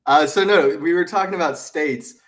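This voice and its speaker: A man's voice: a little high, normal speed, a loud crowd. A man on the show's team chatting casually in a laid-back, hesitant way. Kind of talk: casual chat.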